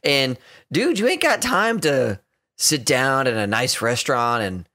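A man's voice: medium pitch, very animated, unhurried, pushed and bright. A man with an American accent hosting a gaming podcast, chatty and easygoing, laughing often. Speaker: podcast host. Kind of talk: casual podcast chat.

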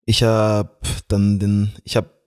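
A young man tells a family story in an interview, with a low-pitched voice. He talks casually, stumbles over restarts and fillers, and laughs easily. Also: completely flat delivery, a little mellow, clean tone. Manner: chatty, halting with many fillers and restarts, laughs often. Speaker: guest.

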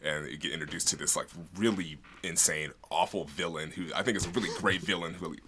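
Low, bright-voiced man chatting casually. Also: fairly even intonation, brisk, slight background noise. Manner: rambling, peppered with "like". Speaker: podcast co-host. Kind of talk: casual film discussion.

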